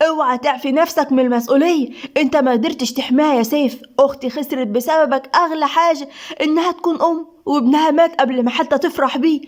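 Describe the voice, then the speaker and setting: Woman narrator as a bitter young Egyptian woman, quick and high. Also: lightly acted. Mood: fierce. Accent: Egyptian Arabic. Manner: tearful, then fierce. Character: tearful, bitter young sister.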